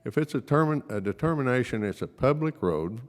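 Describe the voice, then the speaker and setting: A man's voice: mid-range voice, lively intonation, fairly quick. A man speaking as a county official at a public meeting, firm, emphatic and legalistic, repeating his points. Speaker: county official, attorney for the court. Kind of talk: formal remarks at a public meeting. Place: large public meeting room. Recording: echoey meeting hall.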